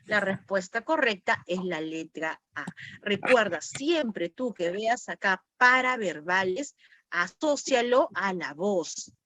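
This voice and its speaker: A woman's voice: mid-range voice, lively intonation, takes it slowly, fairly bright tone, no room sound. A woman teaching an online class for teachers, going over quiz answers, naming students and repeating key words. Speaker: teacher training instructor.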